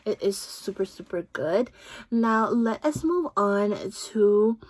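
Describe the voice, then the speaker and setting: Filipino woman vlogger, warm gushing chatter, leisurely pace, dry recording. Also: mid-range voice, expressive, slow, dry recording. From Philippines. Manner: chatty, gushing, frequent "like" fillers. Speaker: beauty vlogger. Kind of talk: casual fragrance review.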